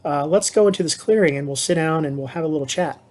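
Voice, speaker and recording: A man's voice: on the high side, fast, darkish tone, lightly acted. A man doing a friendly, coaxing goddess. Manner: easygoing, inviting.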